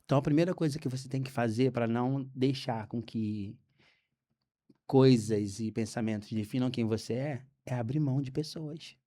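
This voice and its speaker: A Brazilian man, a podcast guest, telling a faith story with lively acted-out dialogue. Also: mid-range voice, moderate pace. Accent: Brazilian Portuguese. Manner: animated storyteller acting out dialogue. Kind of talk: storytelling testimony.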